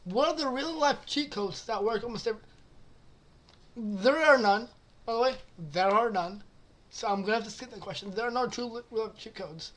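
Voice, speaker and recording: A woman's voice: fairly high pitch, normal speed, a bit bright. A woman hosting a casual reaction commentary on forum posts, crude and profane, laughing often and apologizing as she goes. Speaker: channel host reading forum posts.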